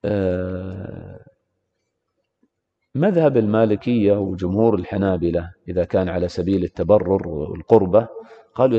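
A man teaching Islamic law in a classroom lecture, repeatedly posing rhetorical questions to his students. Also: deep voice. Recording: reverberant hall, dull lo-fi sound.

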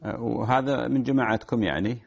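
A man's voice: medium pitch, fast talker, creaky, dull audio. A man, a sheikh, hosting a call-in radio show and answering listeners' religious questions, opening formally and then prompting callers with short questions.

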